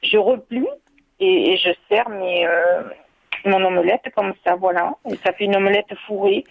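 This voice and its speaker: A woman from southwest France with a Bordeaux-area accent, calling in and explaining a recipe in a hesitant way, with many filler pauses. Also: medium pitch, fairly even intonation, creaky. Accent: Bordeaux-area French. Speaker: caller. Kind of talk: call-in recipe chat. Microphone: telephone. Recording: tinny phone line.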